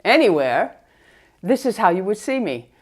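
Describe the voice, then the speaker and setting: A middle-aged woman talks in a casual get-ready-with-me style. Her mid-pitched voice is muffled through a face mask as she addresses viewers like a beauty vlogger. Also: very animated, normal speed.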